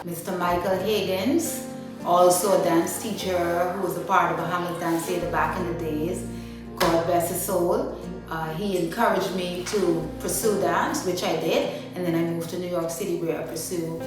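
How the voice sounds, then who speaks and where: A woman's voice: fairly low pitch, steady tone, moderate pace. A woman from Guyana, answering interview questions about her dance ministry in a chatty way, with many "you know" fillers. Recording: echoey room, mic at a distance, music underneath.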